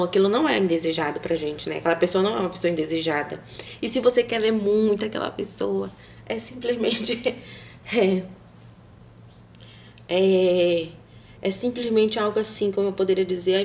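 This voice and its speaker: A woman talking casually to camera, rambling and hesitant, with many fillers and tag questions. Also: mid-range voice. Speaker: vlogger.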